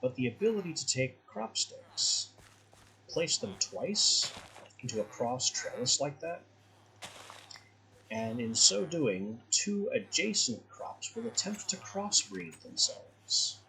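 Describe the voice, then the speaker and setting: A man's voice: fairly high pitch, very animated, slow, gravelly, bright, forceful tone, slight background noise, poor audio. A man giving casual let's-play commentary as a gaming host, musing aloud in a wry, conversational way.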